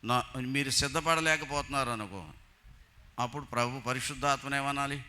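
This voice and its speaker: A man's voice: mid-range voice, steady tone, moderate pace, sharp tone. A man preaching a sermon in church, telling anecdotes and acting out the people he quotes.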